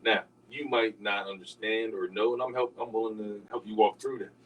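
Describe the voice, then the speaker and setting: Raspy older man hosting a talk show. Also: fairly low pitch, steady tone, fairly quick, far from the mic, muffled recording, slight background noise. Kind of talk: casual radio talk show chat.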